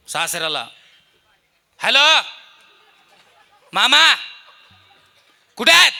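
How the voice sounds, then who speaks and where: A man's voice: sits high, sharp tone. A man with a rural Marathi accent giving a humorous devotional sermon at a temple festival, telling comic stories and acting out voices. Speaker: kirtan preacher.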